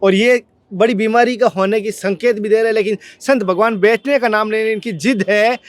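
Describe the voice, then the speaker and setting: A man with a high, light voice hosts a devotional vlog. He speaks earnestly and fervently and keeps circling back to the same points. The sound is close and dry, with no room echo. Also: fairly even intonation, a little fast. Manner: fervent, repetitive, addresses viewers as friends. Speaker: devotional vlogger and interviewer.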